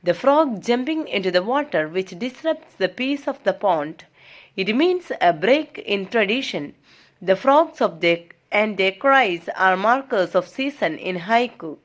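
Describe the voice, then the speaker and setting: Slow, dictating woman tutor. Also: fairly high pitch, expressive. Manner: reads English notes slowly as dictation, then explains fast in her own words with fillers. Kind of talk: exam-prep lesson.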